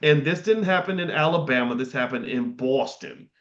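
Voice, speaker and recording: Reading from a history book, a middle-aged man keeps pausing to offer casual remarks on the passages. He speaks at normal speed in a mid-range, slightly bright voice with lively intonation, captured on dull, somewhat lo-fi audio.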